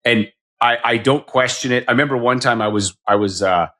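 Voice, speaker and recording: A man's voice: mid-range voice, brisk, pushed and bright. A man in his fifties hosting an interview, chatty and self-deprecating, asking rambling questions. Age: 50s. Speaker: podcast host. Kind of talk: casual interview.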